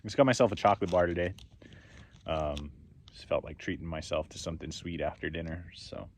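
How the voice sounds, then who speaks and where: A young man with a lowish voice chats easily to his camera at an outdoor mountain campsite, rambling as he eats by the fire. A faint outdoor hiss sits under his voice. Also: brisk. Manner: relaxed, rambling, talks while eating. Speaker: camping vlogger. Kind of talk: casual vlog narration.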